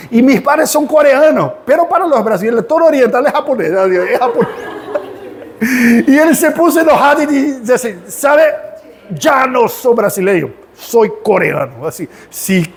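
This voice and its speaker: A man teaching a Sunday school Bible class in an animated way, often asking the class rhetorical questions. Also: very high-pitched, normal speed, a little hiss or hum. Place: church classroom.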